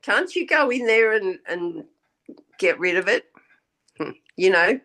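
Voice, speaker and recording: Slow, hoarse woman guest. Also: medium pitch, lively intonation. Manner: soft, agreeable, brief replies. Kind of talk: casual conversation.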